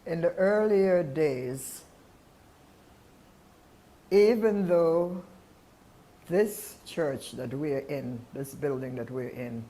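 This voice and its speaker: A man who works as a teacher, reminiscing in a reflective, deliberate and emphatic way. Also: fairly high pitch, dark tone. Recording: roomy echo, faint background noise.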